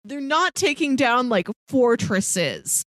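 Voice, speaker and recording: Chuckling frequently, a woman co-hosting a podcast chats casually and wryly about films with a playful edge. She is high-pitched and very animated yet takes her time, her tone a bit bright. The recording is dry.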